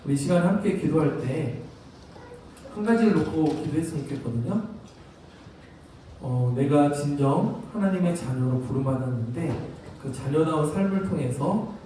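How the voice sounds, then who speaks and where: A man's voice: on the high side, expressive, normal speed, long pauses, warm tone, slight background noise. A man preaching a youth sermon, talking to teens in a conversational way and telling stories before a closing prayer. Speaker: youth pastor. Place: large church sanctuary. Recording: very echoey hall, from a distance.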